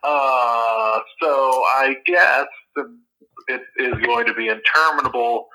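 Sex: man. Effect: phone speakerphone. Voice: very bright. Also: medium pitch, slow pace, poor audio. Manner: dry joking, stumbles over words. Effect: heard over a phone speakerphone. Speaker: podcast co-host. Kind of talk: casual podcast chat.

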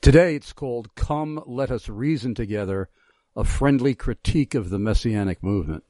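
A man hosting a call-in radio show, relaxed, with many uh fillers, spelling out names and addresses. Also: mid-range voice, moderate pace, no room sound, clean studio sound. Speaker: radio talk show host.

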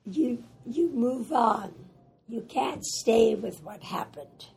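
An older woman who grew up in Germany, speaking English as a second language, recounts her life in an oral history interview in a raspy, hoarse voice, halting and plain. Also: on the high side, animated, darkish tone, slight background noise. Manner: halting, plain-spoken, repeats words. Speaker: Holocaust survivor interviewee.

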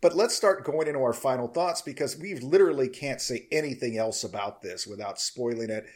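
A man's voice: mid-range voice, a little mellow. Joking podcast host man. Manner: loose, joking, quick to laugh. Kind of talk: casual review chat.

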